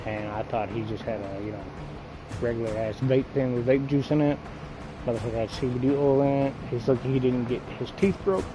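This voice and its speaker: With music playing behind him on a rough recording, a man who makes gaming videos talks briskly at a medium pitch with fairly even intonation. He has dip tobacco in his lip and rambles bluntly and coarsely, swearing often.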